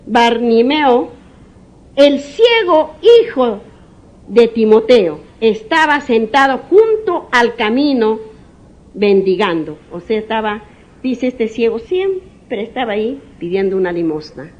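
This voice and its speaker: Slow, lively-voiced woman preacher. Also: a little high, highs cut off. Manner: preaching with rhetorical questions and repetition; stumbles over names and restarts phrases. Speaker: pastor. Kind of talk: sermon.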